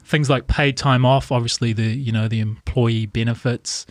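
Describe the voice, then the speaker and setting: A man's voice: medium pitch, fairly even intonation, normal speed, no echo, studio quality. A man co-hosting a casual podcast, agreeably listing points and often adding "yeah" and "right". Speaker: podcast co-host.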